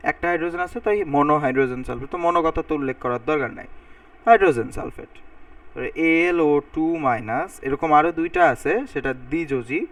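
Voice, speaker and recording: A chemistry teacher's slightly high, somewhat bright voice comes through a dry recording, a bit far from the mic. Lecturing on formulas, he thinks aloud as he writes on the board and drills pronunciation by saying word endings over again.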